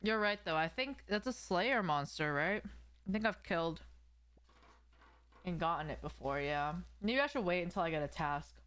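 Sitting close to an arm-mounted desk mic in a small home room, this young adult woman, not a native English speaker, chats with viewers in loose, slangy talk, reading and replying to them. Her voice is on the low side and fairly bright, animated, at a normal pace.

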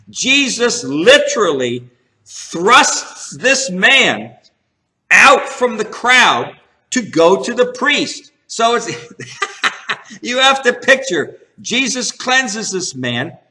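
Bright, high-voiced man teaching the Bible. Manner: earnest, emphatic, repeats and restarts phrases.

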